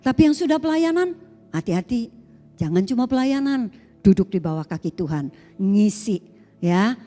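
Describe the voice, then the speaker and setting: A woman's voice: medium pitch, very animated, normal speed, mellow. A middle-aged woman pastor preaching a sermon, talking animatedly with rhetorical questions to the congregation. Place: church sanctuary. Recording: long church hall reverb with faint music.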